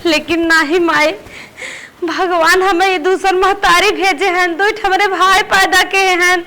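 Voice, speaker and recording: A woman with an Awadhi accent acting a meek, tearful married stepdaughter who pleads softly in a family comedy skit. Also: very high-pitched, steady tone, a little slow, exaggerated voice. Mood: pleading. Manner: pleading, soft-spoken.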